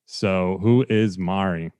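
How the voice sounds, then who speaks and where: A man's voice: low voice, takes it slowly, a little mellow, clear, resonant tone. A man hosting a podcast interview, talking in a rambling, friendly way with lots of fillers. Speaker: podcast host. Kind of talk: casual interview.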